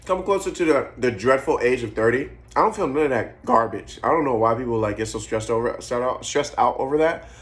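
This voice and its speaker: A man in his twenties talks straight to the camera in an unscripted vlog. He rambles from thought to thought, swears freely and thinks out loud as he goes. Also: mid-range voice, fairly quick, few pauses. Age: 20s. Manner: rambling, profane, musing aloud; eating while talking. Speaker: vlogger. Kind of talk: casual monologue to camera.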